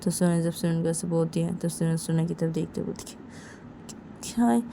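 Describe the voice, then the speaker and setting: A woman's voice: sits low, monotone, fast talker, creaky, noisy background. A woman narrating a romance story with repetitive, plain phrasing.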